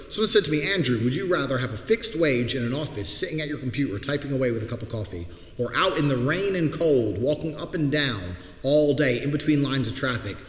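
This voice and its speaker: A man's voice: medium pitch, a bit bright. A man delivering a blunt, profane opinion monologue, mocking people and swearing freely. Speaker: commentator. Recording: roomy hall with long reverb.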